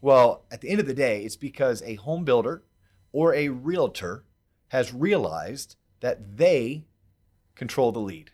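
A man's voice: medium pitch, animated, a little slow, darkish tone. Conversational male podcast host. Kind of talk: casual podcast talk, explaining.

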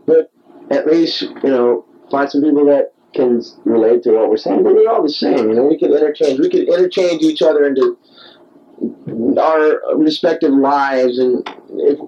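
A man's voice: fairly high pitch, moderate pace, mellow. Rambling young man on a dictaphone. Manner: rambling, digressive, wry. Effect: dictaphone tape recording. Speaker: audio diarist. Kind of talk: late-night rambling monologue. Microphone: handheld tape recorder. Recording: dull lo-fi tape recorder.

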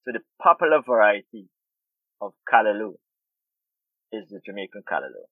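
A middle-aged urban farmer and food activist from Guyana, interviewed on farming, has a voice on the low side with big pitch swings at normal speed. He speaks thoughtfully, repeating words as he searches. The recording, tinny like a phone, has no echo.

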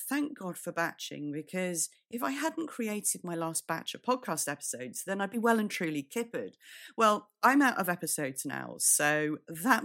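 A woman with a British accent and a fairly low, croaky voice that tends to break. She talks candidly and directly to her listeners in the conversational style of a motivational podcast host. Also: fairly bright tone.

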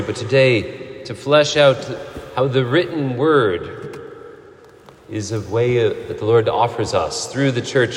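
A man preaching a sermon as a priest, earnest and emphatic, often dropping to a soft, quiet voice. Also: mid-range voice, roomy sound, in a large hall, slight background noise. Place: church.

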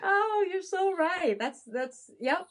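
An adoption consultant in her thirties, born in Haiti, speaks candidly as a guest in a casual interview, often restarting her sentences. Her voice is very high-pitched and animated, and she takes her time.

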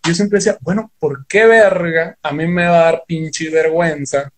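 A young guitarist from Sonora with a northern Mexican accent tells rambling, slang-filled stories packed with swearing as a guest in a casual podcast chat. His slightly high voice holds a steady tone at normal speed, over a faint hiss or hum.

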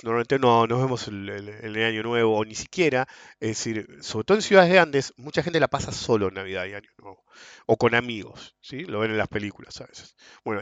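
A man's voice: medium pitch, a bit bright, no echo, lo-fi sound. Slangy Argentine man rambling on a podcast. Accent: Argentine Spanish. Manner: rambling, slangy, laughs often. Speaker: podcast host. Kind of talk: casual monologue.

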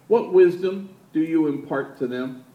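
A man's voice: a little high, unhurried, narrow, tinny audio, voice pushed up, lightly acted. A man voicing an earnest, determined woman asking a question from an audience, quoting her in an echoey church. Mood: curious. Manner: determined, moved. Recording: echoey church with faint noise.

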